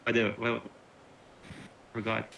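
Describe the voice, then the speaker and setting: A man's voice: on the low side, completely flat delivery, takes it slowly, vocal fry, bright, forceful tone, slight background noise. A man playing in a tabletop game, talking casually and hesitantly, often restarting and swearing. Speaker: player. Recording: dull lo-fi mic.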